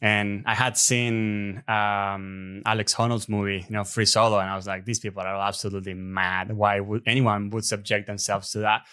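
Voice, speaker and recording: A man, a podcast guest telling stories in a relaxed, chatty way over a remote call. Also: on the low side, normal speed, few pauses, clean tone. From Argentina. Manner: relaxed, chatty storyteller with frequent fillers. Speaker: podcast guest, app developer. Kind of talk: casual interview chat. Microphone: remote video call.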